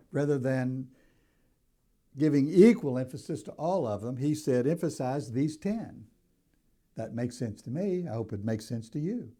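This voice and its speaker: An older man preaching a sermon in a deliberate, emphatic way, stressing key words as he teaches. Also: medium pitch, dark tone. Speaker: pastor.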